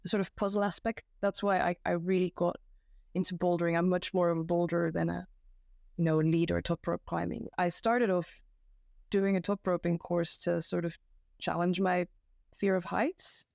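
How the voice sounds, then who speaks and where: Podcast guest: young woman from Belgium, low gravelly voice, chatty and self-deprecating, dry close sound. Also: level tone, normal speed, a little mellow, no room sound. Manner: chatty, self-deprecating, many fillers and restarts. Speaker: guest, climbing competition volunteer. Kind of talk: casual podcast conversation. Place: floor of a new room at home. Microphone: home setup.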